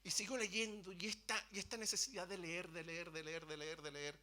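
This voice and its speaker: A man's voice: sits high, flat delivery, moderate pace, sharp tone. A man, telling his faith testimony from the pulpit in an earnest, storytelling way, often restarting his phrases. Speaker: preacher sharing testimony. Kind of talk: sermon testimony. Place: church.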